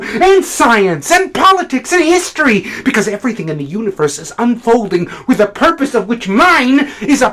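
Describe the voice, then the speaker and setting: A man delivers a theatrical monologue in full character voice as a fervent, awkward, idealistic literary critic, halting at times before turning declamatory. His voice sits high and sounds a bit bright.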